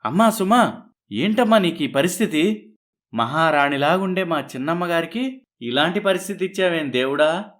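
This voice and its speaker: A man's voice: fairly high pitch, animated, normal speed, fairly bright tone. A man voicing a loyal, devoted servant in a cartoon story, deferential and grieving. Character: loyal old male servant, devoted to family.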